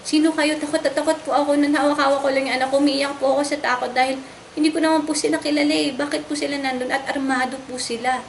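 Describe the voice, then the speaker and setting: A young woman with a high voice gives an emotional first-person testimony. She stays earnest and polite and acts out her own frightened shouts as she goes. The room is echoey, with a faint hiss of noise behind her. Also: flat delivery, fast talker. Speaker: interviewee recounting a raid on her home. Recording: roomy echo with faint background noise.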